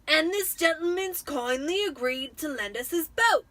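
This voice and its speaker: A woman voicing a blustering, gleeful, manic middle-aged uncle in a dramatic storybook reading, with loud, drawn-out exclamations. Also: sits high, animated, pitched above the performer's own voice. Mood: booming glee.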